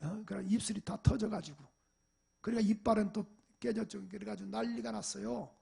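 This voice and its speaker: A man preaching as a church pastor, telling animated personal stories in a sermon. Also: high-pitched, a little fast, gravelly, breathy edge. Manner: animated storytelling, acting out parents and shouting at a dog. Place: church sanctuary.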